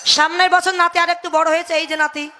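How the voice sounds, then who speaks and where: A woman's voice: extremely high pitch, flat delivery, fairly quick, bright, forceful tone, a little hiss or hum. A young woman performing devotional kirtan storytelling, preaching and acting out her characters' lines. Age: young adult.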